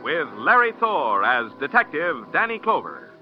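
A man's voice: a little high, very animated, moderate pace, faint music behind. A male announcer introducing a show in a declamatory 1950s radio style. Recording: muffled old radio broadcast.

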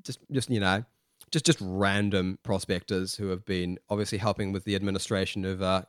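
A man narrating a tabletop game as game master, casually improvising his descriptions in a halting way. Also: sits low, steady tone, clean tone, no room sound, clean studio sound.

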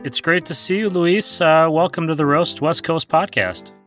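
A man's voice: a little high, moderate pace, a bit bright, faint music behind. A man hosting a podcast, introducing his guest and asking friendly, upbeat questions. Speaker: podcast host.

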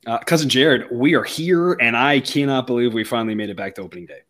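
Male host, rapid talker, mid-range pitch, explanatory sports-show delivery. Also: fairly bright tone. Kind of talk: conversational sports show presenting.

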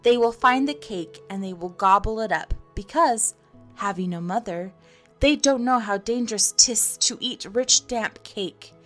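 A woman voicing a cruel, gloating pirate captain in a storybook, speaking slowly and theatrically through clenched teeth. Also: high-pitched, fairly bright tone, soft background music. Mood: scheming.

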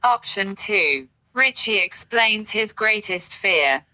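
A female AI voice assistant , acted by a woman, with a bright, forceful tone at medium pitch. She makes stilted, formal announcements in a comedy sketch, deadpan and fed up with the people she serves. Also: slow pace, full character voice, low-quality recording. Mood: stiffly polite. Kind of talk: automated menu announcements.

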